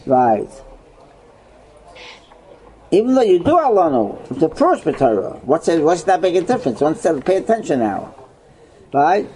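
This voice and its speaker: A man's voice: on the high side, sing-song, unhurried, long pauses, mellow, a little hiss or hum, low-quality recording. A man teaching a Torah study lesson, asking and answering his own questions and repeating himself. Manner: repeats phrases, checking with "right?". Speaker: religious teacher.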